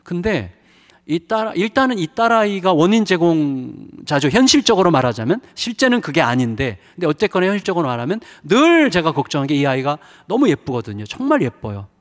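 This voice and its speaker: A man's voice: fairly high pitch, very animated, fairly quick. A middle-aged man preaching a revival sermon, telling a personal story in a frank, emotional way with frequent hesitations. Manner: confessional, emotional storytelling with many fillers. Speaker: pastor. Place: church sanctuary. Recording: reverberant church hall.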